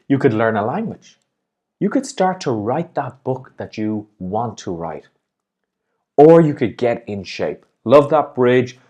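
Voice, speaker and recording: A man's voice: mid-range voice, sing-song, unhurried, dark tone. A man hosting a motivational video as a life coach, talking in an upbeat, encouraging way and smiling as he speaks. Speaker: life and business coach, host.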